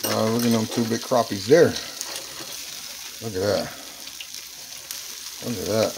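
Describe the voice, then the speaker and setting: A channel host and home cook from the Southern US, in his 40s, chats playfully through a casual vlog in his kitchen with a countertop fryer. His fairly low, creaky voice is unhurried, and he repeats exclamations often. The background is noisy.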